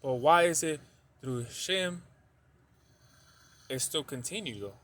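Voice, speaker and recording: Speaking slowly in a somewhat high, slightly bright voice, a man offers an informal religious lesson to his video audience. He meanders, peppers his speech with "you know," adds a tag "though," and repeats himself for emphasis.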